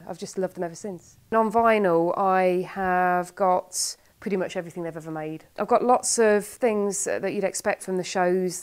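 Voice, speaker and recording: A middle-aged woman chatting about being a fan, warm and enthusiastic. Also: fairly low pitch. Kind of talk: casual interview.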